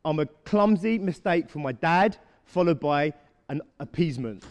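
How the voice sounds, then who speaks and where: A man giving a live motivational talk to a young audience, often checking in with quick rhetorical questions. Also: on the high side, expressive, in a large hall. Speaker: motivational speaker.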